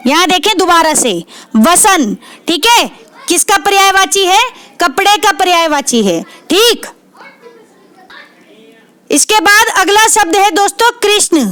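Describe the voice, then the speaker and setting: Very high-voiced woman tutoring vocabulary. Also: animated, unhurried, pauses often, a bit bright, dry recording. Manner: repeats each word, asks and answers her own questions. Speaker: Hindi literature exam tutor. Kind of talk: exam prep lesson.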